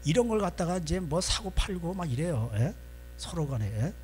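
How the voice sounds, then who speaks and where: A male pastor preaching a sermon in a church, folksy and animated, constantly prompting the congregation. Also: fairly high pitch, moderate pace, a little hiss or hum.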